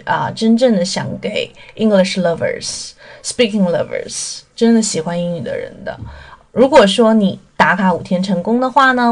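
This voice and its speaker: A woman English teacher giving an online vocabulary lesson in a friendly teaching tone. She switches between Mandarin and English and ends phrases with soft particles. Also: medium pitch.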